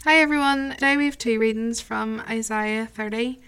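A woman reading scripture aloud in a measured delivery. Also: on the high side, fairly bright tone. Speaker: reader.

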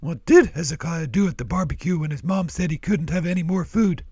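A man voicing a friendly, curious male cow who talks in an excitable, gushing way. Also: fairly high pitch, fairly quick, slightly rough, dry recording, studio quality, voice pushed up. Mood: chatty. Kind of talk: puppet-style kids' Bible show banter.

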